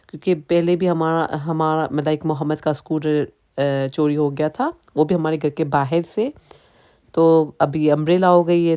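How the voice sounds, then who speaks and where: A woman's voice: low voice, dark tone, clear, resonant tone. A woman in her thirties, a native Sindhi speaker with a Sindhi accent, chatting casually and rambling through a home vlog. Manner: chatty, rambling, frequent restarts and asides. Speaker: vlogger.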